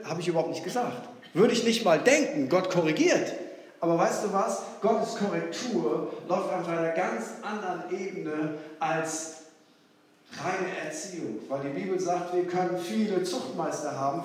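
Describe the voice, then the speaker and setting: A pastor preaching with a high voice, his delivery animated as he moves between ringing exclamations and quiet asides. The sound is very echoey, with the long reverb of a church hall behind him. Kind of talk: sermon.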